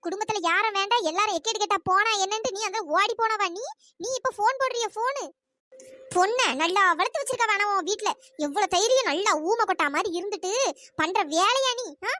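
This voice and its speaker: A woman's voice: extremely high pitch, fairly quick, pushed and bright, no room sound. A woman voicing a middle-aged aunt in a cartoon story, scolding harshly and throwing insults.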